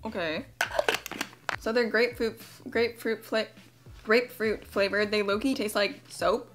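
A woman's voice: mid-range voice, steady tone, measured pace, over music. Chatty, rambling woman vlogger. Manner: chatty, rambling, self-interrupting. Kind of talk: casual vlog chat.

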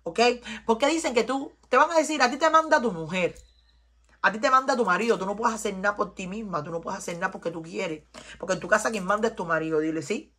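Husky Cuban woman reading tarot. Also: medium pitch, lively intonation, fast, bright, forceful tone. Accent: Cuban Spanish. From Cuba. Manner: emphatic, preachy, repeats herself. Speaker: tarot reader. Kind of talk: tarot reading addressed to viewers.

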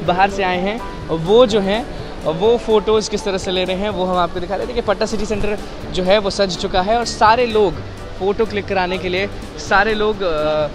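A young man reports from inside a large shopping mall, his voice pitched high and upbeat. He repeats phrases in a presenter's patter as he speaks into a handheld mic. Clear music plays behind him. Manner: upbeat, repetitive presenter talk. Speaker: street reporter. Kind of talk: vox-pop reporting.

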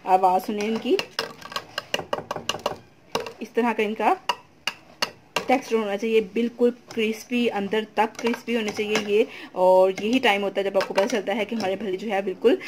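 A woman's voice: mid-range voice, steady tone, moderate pace, long pauses. A woman, hosting a home cooking tutorial and explaining each step patiently, with frequent fillers. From Pakistan. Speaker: cooking channel host. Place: home kitchen. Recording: noisy home recording.

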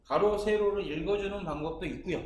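A man tutoring exam-prep math, chatty and lively, forever checking that the learner follows along. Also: high voice, brisk. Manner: keeps checking understanding with short questions. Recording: echoey room with distant mic and noise.

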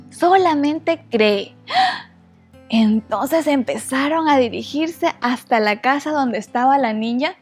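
High-voiced woman telling Bible stories to kids. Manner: expressive, gentle, addresses children directly. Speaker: children's Bible storyteller. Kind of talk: storytelling to children.

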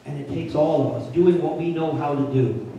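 In a large church sanctuary, an older pastor preaches on a handheld mic in a fairly high, mellow voice at a moderate pace, plainspoken and conversational but rising to urgent emphasis. Recorded by a distant camera, the audio is muffled, very echoey and has slight background noise.

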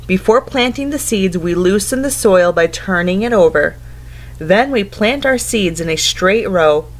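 A woman in her thirties, medium-pitched and expressive, reads a picture book to young children at an unhurried pace from a living room couch at home. She instructs them in simple phrases and puts questions to them.

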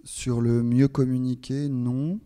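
A man in his thirties gives answers as a panel guest. His delivery is even and low-key in melody, with a mellow tone and matter-of-fact, hesitant phrasing. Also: slow. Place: stage of an indoor conference hall. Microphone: handheld microphone.

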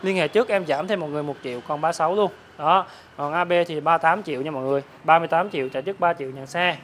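A man, a motorbike dealer, giving a hard-sell promotional sales pitch to viewers, repeatedly rattling off prices. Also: rapid-fire, fairly bright tone, slight background noise. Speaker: motorbike dealer presenting his stock. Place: large open-sided metal-roofed motorbike warehouse.

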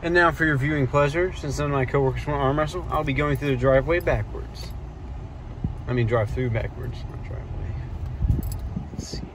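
A man's voice: medium pitch, brisk. A young man hosting a casual vlog, upbeat and joking as he narrates. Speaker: vlogger. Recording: noisy background.

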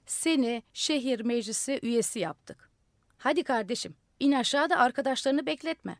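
A woman voicing exasperated officials who call up loudly and plead with a man on a roof, read in a radio studio. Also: sits high, lively intonation, normal speed, dry recording, pitched above the performer's own voice. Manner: loud, pleading, calling out.

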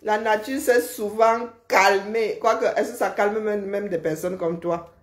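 A woman's voice: medium pitch, measured pace. Mocking woman. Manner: mocking, lecturing, animated. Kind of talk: casual live rant. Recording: roomy echo.

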